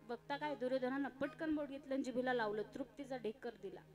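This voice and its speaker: A woman preaches a devotional kirtan and tells its stories with lively drama. Her voice sits high, and music plays clearly behind her. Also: a little fast. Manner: animated, dramatic storytelling, acting out each figure. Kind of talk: devotional kirtan sermon with storytelling.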